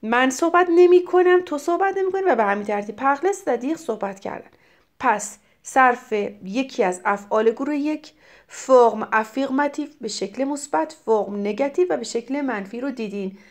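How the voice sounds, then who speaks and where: A middle-aged woman from Iran teaching French grammar, explaining in Persian and reading French examples slowly and clearly. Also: high voice, lively intonation. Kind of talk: grammar lesson.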